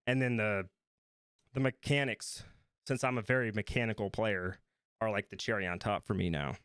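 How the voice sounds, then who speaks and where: A man in his thirties co-hosting a podcast in casual chat, animated and quick to laugh. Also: lowish voice, clear, resonant tone, no echo, clean studio sound. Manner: animated, laughs easily, chatty. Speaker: podcast co-host.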